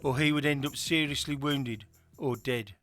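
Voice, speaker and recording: A man giving scripted, measured true-crime documentary narration. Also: mid-range voice, a bit bright, soft background music.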